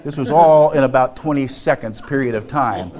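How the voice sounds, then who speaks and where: Halting, animated male business speaker. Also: mid-range voice. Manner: animated, laughs often, halting with many "uh"s. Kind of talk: storytelling keynote talk.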